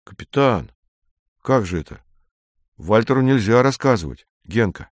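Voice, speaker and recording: A man's voice: mid-range voice, lively intonation, measured pace, dry recording, lightly acted. A man voicing Lin, a heavy, good-natured boy who talks hesitantly and pleads with his friends. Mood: pleading. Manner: hesitant, pleading, then stern.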